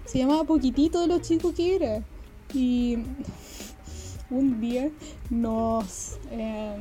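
High-voiced Chilean woman telling stories. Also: mellow. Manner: slangy, swears often, laughs through stories. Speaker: storyteller. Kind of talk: casual anecdote telling.

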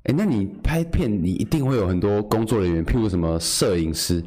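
A man co-hosting a casual podcast, curious and asking quick follow-up questions. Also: fairly low pitch, lively intonation, mellow. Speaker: podcast co-host.

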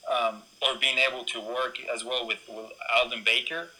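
A man's voice: mid-range voice, level tone, normal speed, sharp tone, low-quality recording. A young man from Ecuador, a BMX racer, talking casually in an interview with lots of fillers and restarts. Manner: rambling, many fillers and restarts.

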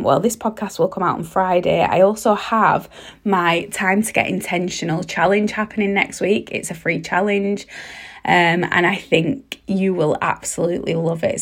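Husky, croaky woman giving a motivational talk. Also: fairly low pitch. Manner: emphatic, repetitive, direct address to listener. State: hoarse, sore voice. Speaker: podcast host and mindset coach. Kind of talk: motivational solo podcast talk.

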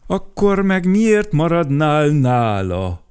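A man voicing a stern storybook creature who speaks firmly and gruffly. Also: lowish voice, expressive, darkish tone. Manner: gruff, firm and emphatic.

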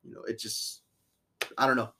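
A man's voice: normal speed, pushed and bright. A drunk man hosting a podcast in casual, slangy, sweary chat. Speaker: podcast host.

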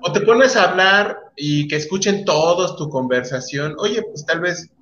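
Bright-voiced joking man. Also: fairly high pitch, expressive, unhurried, lo-fi sound, a little hiss or hum. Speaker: radio co-host. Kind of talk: casual radio chat.

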